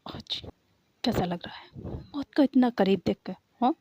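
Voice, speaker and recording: A woman's voice: a little high, animated, a little slow, darkish tone, breathy edge, no echo, exaggerated voice. A woman voicing a cold, furious young woman. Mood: cold anger. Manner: curt, harsh, threatening.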